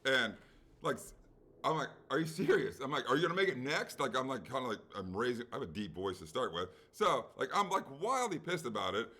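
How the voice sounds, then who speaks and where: A middle-aged co-host on a sports betting podcast tells a long everyday anecdote in casual chat, acting out the people he quotes and swearing freely. His voice is medium-pitched and brisk.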